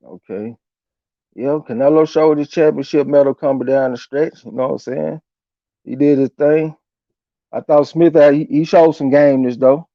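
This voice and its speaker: A man's voice: fairly high pitch, fairly even intonation, normal speed, no echo. A man hosting a live boxing stream in a casual, slangy and profane way, chatting through fight opinions and reading viewer comments aloud. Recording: dull lo-fi audio.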